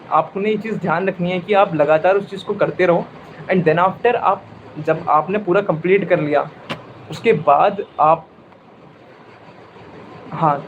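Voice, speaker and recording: A young man answers interview questions about exam preparation, moving between two languages and pausing often on fillers. His voice sits a little high for a man. A faint noise runs under the recording. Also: muffled recording. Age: 20s. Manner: mixes Hindi and English, many fillers and self-corrections. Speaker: exam topper sharing preparation advice.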